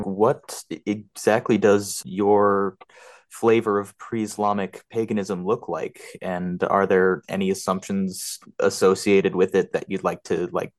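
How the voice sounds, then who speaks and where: A man's voice: on the low side, fairly even intonation, a little slow. A man co-hosting a podcast, asking a question in an easygoing, conversational way. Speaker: podcast co-host. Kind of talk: interview question.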